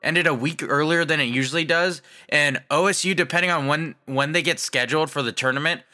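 A man's voice: fairly high pitch, fairly quick, bright, forceful tone. A man in a casual podcast chat, talking sports with wry, sarcastic grumbling. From Ohio. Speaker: podcast co-host.

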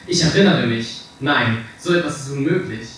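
A man's voice: medium pitch, lively intonation, normal speed, a bit bright, a little hiss or hum, close to an everyday voice. A man reading aloud as a vain, jaded young man who speaks coolly and wearily, in an echoey hall from a distance. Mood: weary.

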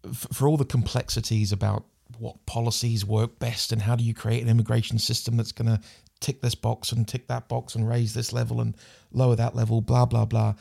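A man with a New Zealand accent is a guest on a podcast, talking thoughtfully in a casual interview. His medium-pitched, gravelly, mellow voice is flat and a little fast, with few pauses. He often restarts and repeats words.

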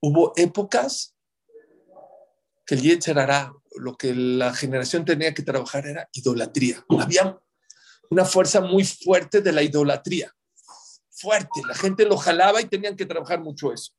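A man who gives marriage advice to an audience, speaking emphatically and counting off his points. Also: moderate pace. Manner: emphatic, counts off points, acts out quotes in sudden high outbursts. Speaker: religious advisor on marriage.

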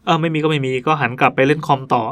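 A man's voice: a little high, fairly even intonation, racing, a bit bright. A male podcast host reading listener ghost stories aloud in a chatty way, stopping now and then to comment. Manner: chatty, breaks off to joke and comment.

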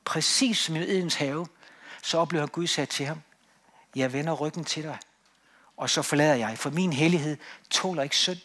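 Male preacher, slightly high voice, emphatic swells and quiet drops, church sermon. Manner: emphatic, rising on key words then dropping to quiet.

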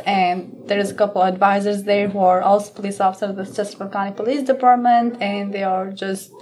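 A woman in her twenties, a police officer guest, answering softly and plainly in a casual interview. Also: mid-range voice.

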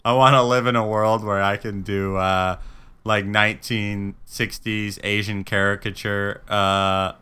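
A man's voice: on the low side, flat delivery, a little slow, bright, forceful tone, clear, resonant tone. A man hosting a podcast, telling stories loosely and laughing often. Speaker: podcast host. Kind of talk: casual chat.

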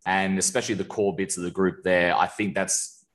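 A man hosting a casual football podcast, relaxed and rambling. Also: sits low, moderate pace. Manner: relaxed, rambling, laughs easily. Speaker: podcast host.

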